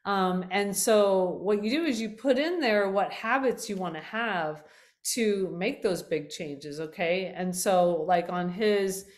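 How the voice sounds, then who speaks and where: A middle-aged woman talks casually to her viewers about health, chatty and loose, stopping often to correct herself. Her voice is slightly worn, as if she is losing it, and sits at an ordinary middle pitch. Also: slow pace. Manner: chatty, with many fillers and self-corrections. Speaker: health talk host.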